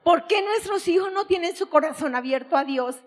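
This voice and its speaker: A woman's voice: extremely high pitch, expressive, moderate pace. A middle-aged woman giving an impassioned, tearful religious testimony. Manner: impassioned, tearful, crying out at times.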